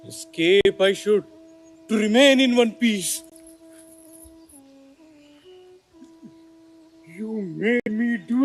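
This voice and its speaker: A man's voice: very high voice, darkish tone. A man voicing Sugriva, an anxious exiled monkey prince, telling his story in rhyming verse and pleading fretfully. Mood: distressed.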